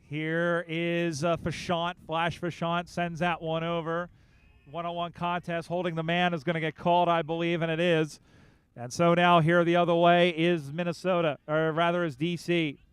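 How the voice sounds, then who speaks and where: Man, sports commentator, live play-by-play, slightly high voice, close dry mic. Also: clear, resonant tone, no room sound. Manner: rapid play-by-play, rising excitement on big plays. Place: outdoor sports field.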